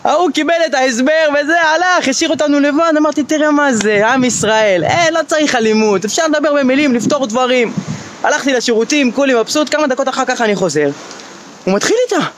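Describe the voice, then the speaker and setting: A man with a very high-pitched voice delivers a comic monologue. He tells his story in an excitable way, breaking into mock-panicked outbursts. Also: slight background noise. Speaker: comedian.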